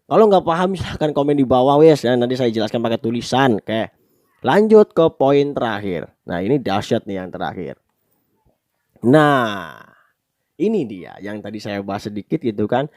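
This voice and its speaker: A man's voice: medium pitch, very animated, moderate pace, a little mellow, no room sound, studio quality. A man giving a casual spoken tutorial on public speaking, chatty and full of tag questions.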